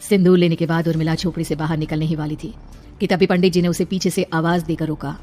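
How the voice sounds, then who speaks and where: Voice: medium pitch, little pitch movement, fast, warm tone, faint music behind. A narrator reading a scripted horror story in a dramatic storytelling style.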